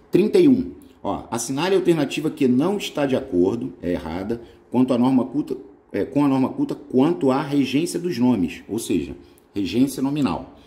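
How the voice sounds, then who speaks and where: A Brazilian man with a Brazilian Portuguese accent, walking through an exam-prep grammar quiz and often checking in with quick "né?" and "tá?" tags. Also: mid-range voice, dark tone. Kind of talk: lively grammar quiz walkthrough.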